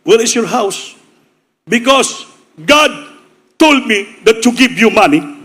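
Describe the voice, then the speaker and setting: A man preaching who voices an eager, generous American bishop in loud, high-pitched English. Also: lively intonation, slow pace, heavily acted. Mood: excited. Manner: high, loud, emphatic foreign-English delivery.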